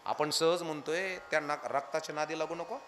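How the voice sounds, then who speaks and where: A man preaching a devotional kirtan sermon, animated and firing questions at his listeners, now and then chanting lines of verse. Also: a little high, a little fast, a little hiss or hum. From Maharashtra, India.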